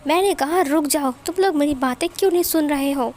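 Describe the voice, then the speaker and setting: A woman voicing a stern, exasperated young father who scolds in quick, blustery bursts. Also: very high voice, fairly even intonation, a little hiss or hum. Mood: scolding.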